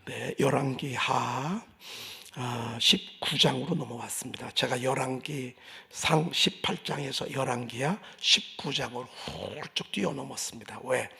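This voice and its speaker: A male pastor preaching a sermon in a church, swinging from loud declarations to hushed asides. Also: mid-range voice, measured pace, gravelly. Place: church sanctuary.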